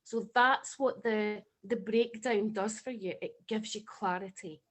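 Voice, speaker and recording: A woman with a Scottish accent talks over a video call. She gushes with passion and turns emotional at times, her voice sitting at a middling pitch. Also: a little slow, low-quality recording. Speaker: webinar participant.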